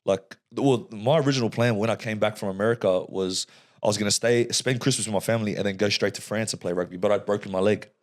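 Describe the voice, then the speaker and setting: Young Australian bloke, podcast guest, rapid-fire slangy chat, lowish voice. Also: male voice. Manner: slangy, animated storytelling with bursts of high voices. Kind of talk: casual chat.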